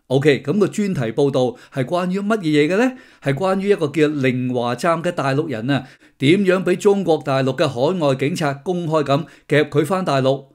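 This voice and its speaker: A man's voice: fairly high pitch, normal speed, a little mellow. A middle-aged man, hosting a casual political commentary with sardonic, mocking asides. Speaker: host of a commentary channel.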